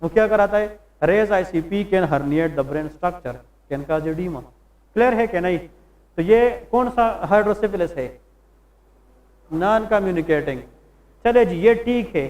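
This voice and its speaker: Lecturing his class in Hindi and English, a medical lecturer with a high, expressive voice and a darkish tone poses questions and answers them himself. He deliberately slows on English terminology, captured in a rough recording.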